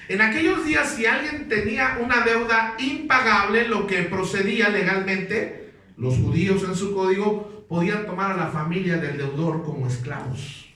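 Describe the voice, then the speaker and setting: High-voiced pastor preaching in an echoey hall. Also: male voice, bright, forceful tone. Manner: asks the congregation questions and waits for replies; slow, emphatic reading of scripture. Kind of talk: sermon. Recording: very echoey hall, distant mic, faint noise.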